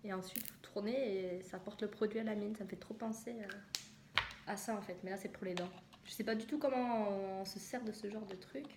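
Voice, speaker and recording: A woman's voice: medium pitch, fairly even intonation, a little fast. A young woman from southwest France chatting casually in a haul video, hesitant and full of fillers. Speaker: vlogger. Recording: echoey room with noise.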